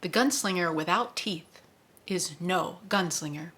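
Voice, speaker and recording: A woman reading aloud as a stern male gunslinger, calm and measured. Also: on the low side. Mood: patient, stern. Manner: calm, measured, matter-of-fact.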